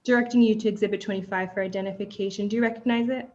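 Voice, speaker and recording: A young woman trial advocate questioning a witness and addressing the bench in a measured, formal way, heard through a courtroom recording. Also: medium pitch, fairly even intonation, dark tone, lo-fi sound.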